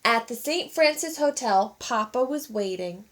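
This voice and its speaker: Expressive woman reading a storybook. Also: on the high side, measured pace. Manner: expressive, animated narration. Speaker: teacher reading aloud. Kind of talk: children's storybook read-aloud.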